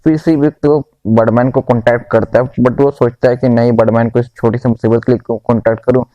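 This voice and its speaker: A man's voice: mid-range voice, little pitch movement, quick pace, dry recording. A man casually retelling a cartoon episode in a loose, conversational way. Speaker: storyteller. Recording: dull lo-fi dry recording.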